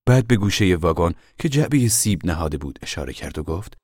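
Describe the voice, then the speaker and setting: A man narrating a novel in a calm, measured way, often sinking to a hush. His voice is very low. The recording is dry and close. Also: no echo. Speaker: audiobook narrator.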